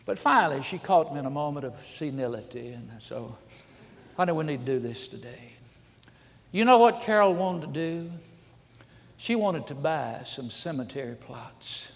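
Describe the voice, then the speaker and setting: A man, preaching a folksy storytelling sermon that swings from hushed asides to loud shouts. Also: a little high, animated, normal speed. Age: 70s. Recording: reverberant hall.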